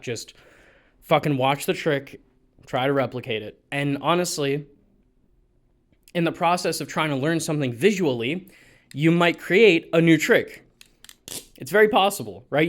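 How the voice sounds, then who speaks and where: Young male vlogger, blunt and profane, rambling asides, slightly high voice. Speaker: balisong flipping vlogger. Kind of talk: casual advice vlog.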